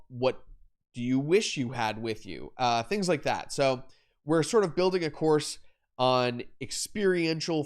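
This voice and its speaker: Casual man hosting a photography stream. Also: medium pitch. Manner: rambling, self-correcting, explains while demonstrating. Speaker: photography livestream host.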